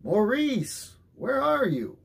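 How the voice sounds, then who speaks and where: Man reading as a storybook dad, loud and insistent, lively raspy calls. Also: very high voice, slow, voice pushed up, full character voice. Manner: calling out loudly, insistent. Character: father calling his son, adult man, busy.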